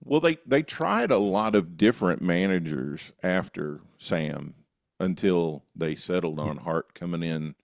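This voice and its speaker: A man's voice: sits low, animated, measured pace, gravelly, no room sound, studio quality. A man hosting a conversational podcast interview, reflective and steering the talk with questions and asides.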